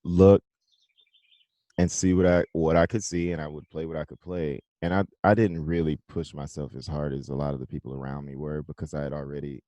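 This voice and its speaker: A young man from South Carolina, a musician guest talking through his past in a loose, relaxed way and laughing often. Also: extremely low pitch, a little fast, no echo. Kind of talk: casual interview conversation.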